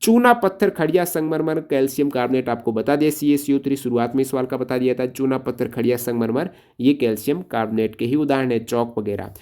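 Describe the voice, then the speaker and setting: A man's voice: mid-range voice, fast, few pauses, darkish tone. A man explaining science exam questions step by step, asking questions and then answering them himself. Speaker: exam-prep teacher.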